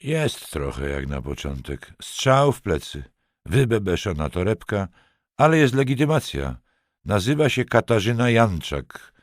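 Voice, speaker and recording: A man voicing a brisk middle-aged police forensics chief, reporting facts quickly. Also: fairly low pitch, very animated, dry recording, studio quality, voice pushed up.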